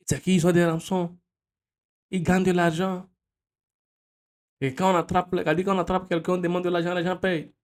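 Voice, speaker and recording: A man's voice: sits high, darkish tone. A man from Benin, giving an impassioned political commentary full of repeated phrases and rhetorical questions. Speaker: video commentator.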